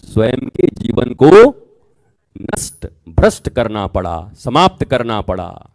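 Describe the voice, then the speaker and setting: A man giving a Hindi spiritual sermon as a religious teacher, telling scripture stories and acting out their dialogue, with sudden loud emphatic bursts. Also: fairly low pitch, lively intonation, slow pace, gravelly.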